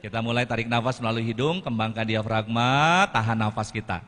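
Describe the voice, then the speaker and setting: A man gives a lively motivational talk. He coaches the audience through breathing exercises and adds frequent Islamic interjections. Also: medium pitch, fairly quick. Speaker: motivational speaker. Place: TV studio with a live audience. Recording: live TV studio broadcast with reverb.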